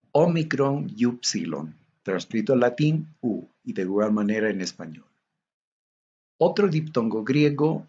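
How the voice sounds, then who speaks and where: A man from Bolivia giving a recorded theology lecture, going methodically through tables of Greek letters in a slow, measured way. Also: mid-range voice, warm tone, husky, highs cut off.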